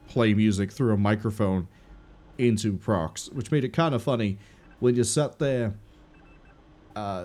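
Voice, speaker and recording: A man giving relaxed, rambling playthrough commentary as a gaming video host. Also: on the low side. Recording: faint game music behind.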